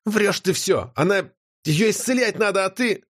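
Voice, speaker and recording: A man voicing an indignant, hot-tempered young female unicorn in an audiobook, pushing his pitch high and exclaiming. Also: animated, normal speed, a bit bright. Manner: raised, strained falsetto-like pitch, exclamatory. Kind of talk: audiobook character voice.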